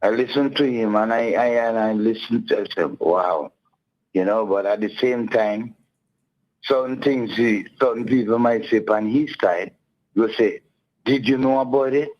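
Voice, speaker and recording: Male radio caller, heard over the phone, low voice, rambling and friendly, dull lo-fi line. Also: a little slow. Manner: rambling, friendly, repeats words. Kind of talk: casual call-in chat.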